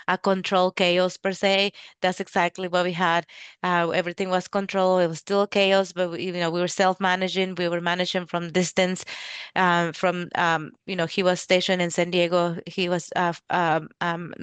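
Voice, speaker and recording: A middle-aged woman from Mexico hosting a casual webinar, talking in a halting way with many restarts and fillers. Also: on the low side, clear, resonant tone, no echo. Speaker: real estate investor hosting a webinar.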